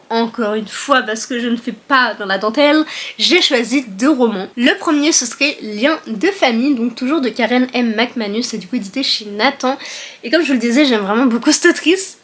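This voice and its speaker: A young woman chatting casually to camera about books she plans to read, rambling with many fillers and self-corrections. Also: fairly high pitch. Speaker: book vlogger. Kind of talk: casual book haul chat.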